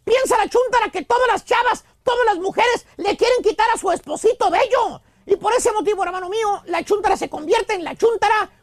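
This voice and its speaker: A man with a Mexican accent hosting a radio show, telling a comic monologue in an animated, slangy, exaggerated way. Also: extremely high pitch, brisk, few pauses, no room sound.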